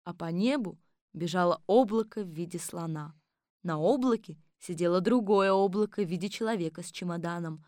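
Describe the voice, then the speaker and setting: A woman narrating a children's story audiobook in an even storytelling manner. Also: on the low side, normal speed, no room sound, clean studio sound.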